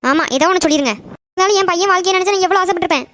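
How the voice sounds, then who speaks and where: Sulky money-minded cartoon mother, sharp retorts, high and fast, a woman voicing her. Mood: grumbling. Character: greedy, sulky mother obsessed with property.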